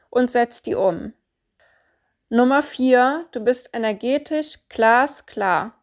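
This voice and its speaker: A woman giving a calm, deliberate coaching monologue, stressing points through repetition. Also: on the high side. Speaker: spiritual coach.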